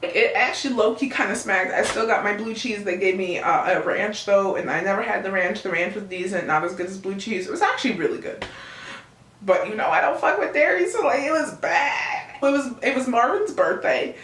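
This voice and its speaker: A woman's voice: mid-range voice, expressive, a little fast, a bit bright, a little hiss or hum. A young woman rambling through a casual, slangy storytime in a giggly, drunk manner. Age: young adult. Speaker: vlogger telling a personal story. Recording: roomy, echoey room sound.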